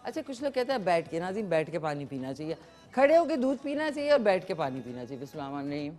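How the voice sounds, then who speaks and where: A woman's voice: fairly low pitch, big pitch swings, quick pace, darkish tone, faint music behind. A woman from Pakistan hosting a live morning cooking show, chatty and playful, slipping English phrases into her talk.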